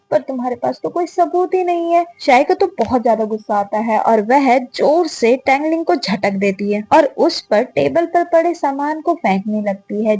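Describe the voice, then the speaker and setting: A woman's voice: on the high side, mellow, no echo. A woman narrating a drama recap in a casual storytelling way, slipping into the characters' quoted lines as she goes.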